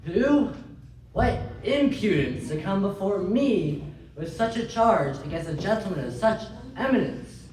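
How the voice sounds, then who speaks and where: An actor playing a haughty noble magistrate with a pompous, scornful manner. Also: male voice, high voice, expressive, measured pace, a little mellow. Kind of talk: radio drama acting. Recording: echoey, distant, faint noise.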